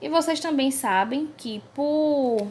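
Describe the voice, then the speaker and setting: A Brazilian woman teaching a grammar review to young pupils, speaking slowly and clearly and stressing each example word. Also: high voice, a little mellow. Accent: Brazilian Portuguese. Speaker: primary school teacher.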